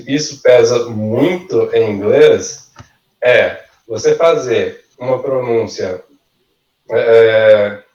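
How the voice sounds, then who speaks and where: Slow, patient male teacher. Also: mid-range voice, darkish tone, echoey room, recorded from a distance, lo-fi sound. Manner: slow, careful model pronunciations for students to repeat. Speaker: language teacher. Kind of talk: online workshop lesson. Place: video call.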